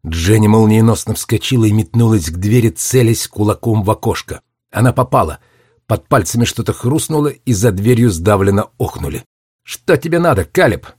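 A man with a low voice reads an audiobook in a measured, steady way. The recording is dry and close, with no room sound. His delivery is even and deliberate. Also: breathy edge, no echo. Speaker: narrator. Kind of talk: audiobook narration.

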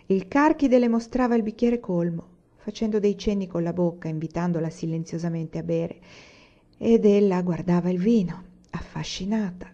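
A woman reading a classic novel aloud in a measured, even storytelling manner. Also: on the low side, highs cut off. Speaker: audiobook reader. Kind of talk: literary audiobook narration.

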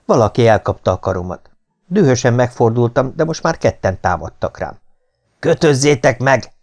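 A man reading an adventure novel aloud as an audiobook in a steady, measured storytelling manner. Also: mid-range voice. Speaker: audiobook reader. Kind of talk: scripted narration.

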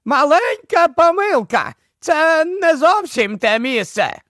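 A fussy, excitable old professor-inventor, as an audiobook narrator puts him on, pitched well above the reader's own voice and sounding a little distant. He turns shrill and loud when flustered, in a dry, close recording. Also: a little slow, no echo, exaggerated voice.

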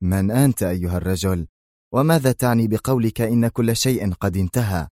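A man voicing a cruel, mocking male hijacker leader with a hoarse, fierce voice in a storybook reading. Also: lowish voice, brisk, warm tone, dry recording, studio quality, close to an everyday voice. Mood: suspicious. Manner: sneering, threatening.

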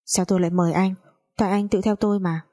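A woman voicing a gentle, honest young wife who speaks politely and softly, in a storybook reading. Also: medium pitch, steady tone, quick pace, close to an everyday voice. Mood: calm. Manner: soft-spoken, polite.

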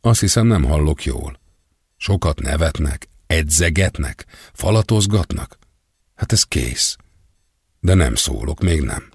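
A man's voice: rumbling low, animated, breathy edge, no echo, studio quality. A man reading an emotional first-person memoir aloud. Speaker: audiobook reader.

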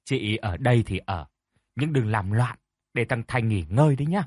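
A man's voice: mid-range voice, animated, moderate pace, darkish tone, no room sound, studio quality, natural voice. A man voicing a stern rich mistress of the house. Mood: weary. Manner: scolding, commanding. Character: stern wealthy older woman, household mistress.

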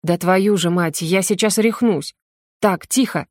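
A woman's voice: fairly low pitch, unhurried, a little mellow, no echo, studio quality, lightly acted. A woman voicing a tense young man who speaks in clipped, commanding lines.

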